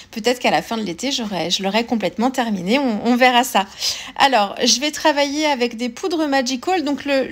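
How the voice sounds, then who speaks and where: A woman hosting a scrapbooking tutorial, talking casually with many fillers and restarts as she explains her steps. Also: on the high side. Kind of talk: casual craft tutorial voice-over.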